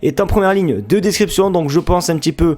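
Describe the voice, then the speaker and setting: A young man hosts a football channel and talks through a pre-match analysis in a loose, casual way. He sounds chatty and friendly, filling his pauses with hesitations. His voice sits a bit higher than most men's. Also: darkish tone. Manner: chatty, friendly, many fillers.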